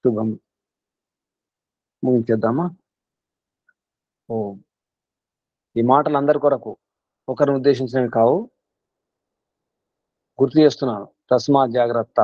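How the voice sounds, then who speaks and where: A Telugu guru earnestly teaches a spiritual class, driving his points home by repeating them. His mid-pitched voice comes across dry, slightly muffled, and without echo.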